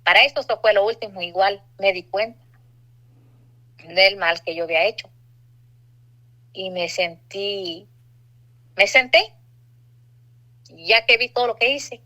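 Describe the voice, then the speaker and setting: Woman in her middle years, bright clear voice, earnest confession, acts out what people said. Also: mid-range voice, a little slow, pauses often, low-quality recording. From Mexico. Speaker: testimony speaker. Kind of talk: personal testimony.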